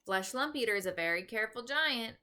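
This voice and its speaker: A woman voicing a stubborn, gentle, pessimistic male giant with garbled folksy grammar in a children's storybook. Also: on the high side, expressive, brisk. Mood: matter-of-fact. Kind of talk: children's storybook read-aloud.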